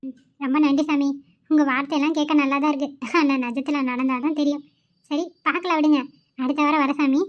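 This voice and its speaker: A woman's voice: high voice, fairly even intonation, fairly quick, lightly acted. A young woman voicing a caring, polite young woman in a cartoon who looks after children and soothes others. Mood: gentle. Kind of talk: cartoon voice acting.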